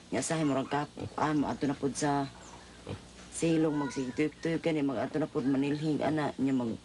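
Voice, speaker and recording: A woman from the Philippines, a co-op member, talking at length in a documentary interview, rambling and halting, with many fillers. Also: sits low, darkish tone, slight background noise.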